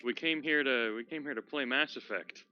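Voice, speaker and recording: A man's voice: medium pitch, moderate pace, dry recording. A man in casual pre-game chat, upbeat as he introduces the session. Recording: slightly dull lo-fi mic.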